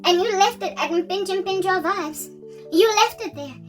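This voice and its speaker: A South African woman in her forties, telling a story in an animated way and laughing often as she talks. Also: very high voice, normal speed, recorded from a distance, faint music behind. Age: 40s. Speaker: vlogger. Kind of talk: casual storytelling.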